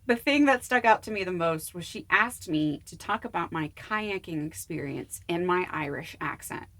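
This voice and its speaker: Young actress guest, lower voice, enthusiastic and earnest in casual talk. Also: female voice, lively intonation, moderate pace, a bit bright. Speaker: podcast guest, actor. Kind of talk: casual chat.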